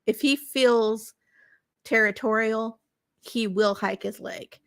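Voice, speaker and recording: A woman's voice: fairly high pitch, steady tone, slow, no room sound. A woman calling into a live stream as a guest, chatting casually in a frank, reassuring way. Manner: reassuring, frank, gives opinions. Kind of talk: casual conversation.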